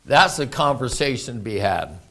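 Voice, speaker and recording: A man's voice: medium pitch, very animated, normal speed, sharp tone. A man preaching a folksy sermon full of anecdotes. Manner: folksy, anecdotal, laughs often. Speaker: pastor.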